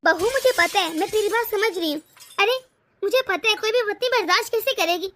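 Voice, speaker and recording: Woman doing a worried old mother-in-law, high bright cartoon voice, fretting to herself. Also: fairly quick, a little hiss or hum. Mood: fretful. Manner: brooding, fretful. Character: worried elderly mother-in-law, head of the house.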